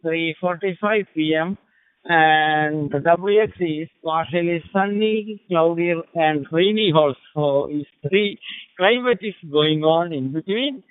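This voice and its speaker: A South Indian man with a high, smooth voice works a ham radio. He is polite and formulaic, often repeating call signs. The transmission is dry and thin, squeezed like a phone line. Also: slow pace, dry recording. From Kerala, South India. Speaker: amateur radio operator. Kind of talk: ham radio contact exchange. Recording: tinny, narrow-band ham radio link.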